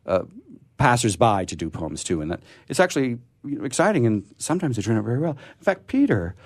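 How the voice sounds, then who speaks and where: With a sore throat, this man hosts a radio show in loose, unscripted chat, often stumbling and starting phrases over. His mid-range voice sounds a little mellow, captured at studio quality with no room sound.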